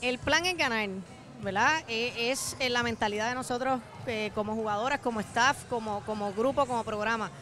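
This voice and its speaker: A woman's voice: on the high side, a bit bright, a little hiss or hum. Puerto Rican woman coach, courtside mic. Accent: Puerto Rican Spanish. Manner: measured, uses fillers like este. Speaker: national youth basketball coach. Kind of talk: televised interview. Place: courtside in an indoor basketball arena. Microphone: handheld microphone.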